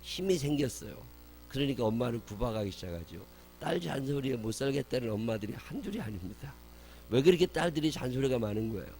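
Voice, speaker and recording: A man's voice: medium pitch, expressive, fast talker, a little mellow, slight background noise. A man pastor giving a sermon, posing rhetorical questions and answering them with emphatic repetition. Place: church.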